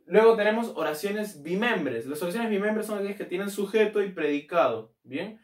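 A fairly high-voiced man walks through grammar as a teacher. He keeps checking in with his listeners and stretches key terms out slowly. His voice rings in an echoey room, recorded from a little way off the mic. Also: lively intonation, distant mic. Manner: checks in with "¿listo?" and "¿cierto?", repeats key words slowly. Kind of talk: grammar lesson.

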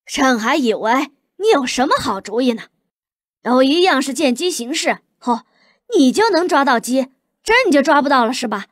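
A woman voicing a hot-tempered middle-aged male emperor who shouts at his sons, in an audiobook. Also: on the high side, expressive, moderate pace, no echo, clean studio sound, natural voice. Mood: furious. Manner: shouting, furious, blustering. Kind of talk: audiobook character voice.

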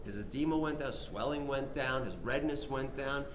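A man in his forties with a mid-range voice tells his story with energy and counts off his points. He is recorded in a large, roomy hall with steady background noise. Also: mid-range voice, normal speed. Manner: animated storytelling, lists points. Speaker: health practitioner. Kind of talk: conversational interview answer. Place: large indoor convention room. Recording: echoey room with background noise.

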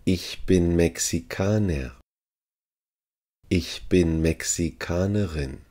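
Here a man teaching a language sits low in pitch with a warm tone, reading brief phrases slowly and repeating each for students.

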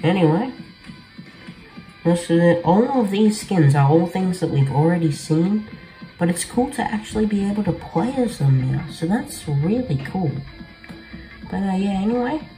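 A young man hosts a gaming video from a small bedroom, offering laid-back, slangy commentary to his viewers. His voice is high-pitched and animated, warm in tone, at a normal speed. Music plays in the background, and the recording quality is low.

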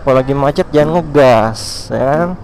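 Cruising through city streets, a young motovlogger keeps up playful, slangy chatter and needles other riders. His mid-range, darkish voice moves at a moderate pace. The audio is poor, with soft music in the background.

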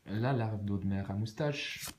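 A man with a Swiss French accent, calmly muttering card names and soft exclamations as he opens packs in a casual vlog. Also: on the low side, a little slow, a little hiss or hum. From Switzerland. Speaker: card-opening vlogger. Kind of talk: casual commentary while opening cards.

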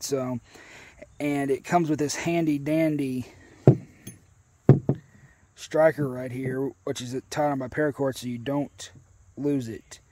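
In a mid-range, slightly mellow voice, an American man around his thirties chats folksily while reviewing products to camera. As host of an outdoor video, he is set in a grassy rural yard, with a little hiss or hum in the audio.

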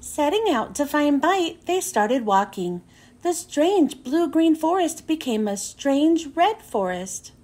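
Reading a children's storybook slowly, a high-pitched, expressive woman narrates for young listeners with careful, expressive phrasing. She is a children's book reader and host, giving a read-aloud storybook narration.

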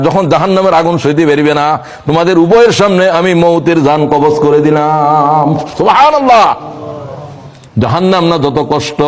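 A man preaching a sermon, moving between plain speech, sing-song chanted recitation and sudden high exclamations.

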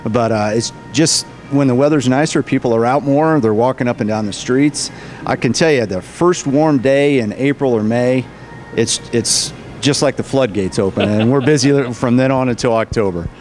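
Speaking from behind the counter of his cafe, a forties-aged American man casually explains his business to an interviewer holding a handheld microphone. His mid-range voice is a little mellow and moves at a moderate pace, with on-location background noise audible clearly.

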